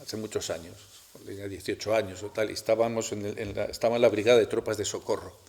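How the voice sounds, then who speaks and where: A middle-aged man telling a personal story in a talk at a spiritual center, halting and restarting as he goes. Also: fairly low pitch, little pitch movement, vocal fry, a little mellow. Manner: halting, with many restarts and rhetorical tags.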